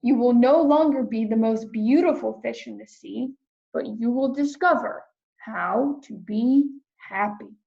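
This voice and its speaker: A wise female octopus from a picture book, voiced by a woman reader, drawing each word out with solemn calm. Her voice has a gravelly texture. The recording sounds dull and lo-fi. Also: a little high. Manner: slow, solemn, deliberate.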